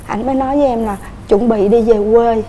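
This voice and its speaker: A woman with a Southern Vietnamese accent, a guest on a TV couples show, telling her family story quickly and earnestly in a studio. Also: fairly high pitch, fairly even intonation, warm tone, slight background noise. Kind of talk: emotional personal storytelling.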